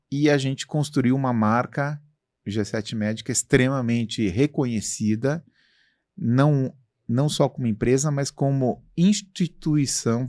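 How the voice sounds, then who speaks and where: A man's voice: lowish voice, a little mellow, no room sound, clean studio sound. A Brazilian man being interviewed about his company, talking in a self-assured, expansive way with many fillers. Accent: Brazilian Portuguese. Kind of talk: casual interview talk.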